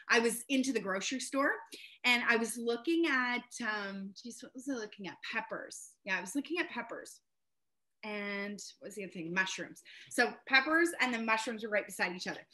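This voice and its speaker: Bright-voiced chatty woman. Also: a little high. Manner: chatty storyteller with frequent laughs and fillers. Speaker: realtor and podcast guest. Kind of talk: casual podcast conversation.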